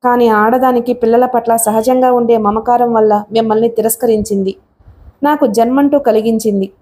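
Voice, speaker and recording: A woman's voice: on the high side, steady tone, normal speed, dark tone, natural voice. A woman voicing a bitter, furious young man who delivers an impassioned, accusing tirade in an audiobook.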